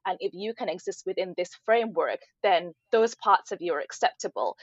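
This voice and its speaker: A woman from Nigeria, a podcast guest, explaining history in an earnest, measured way. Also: lowish voice, expressive, husky, no room sound, lo-fi sound. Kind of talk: conversational podcast interview.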